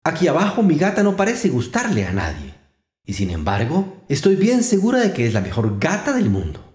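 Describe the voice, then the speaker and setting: A man's voice: on the high side, wildly swooping pitch, brisk, darkish tone, echoey room. A man voicing an eager, polite young girl in a told fairy tale, with an earnest, pleading manner. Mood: wistful.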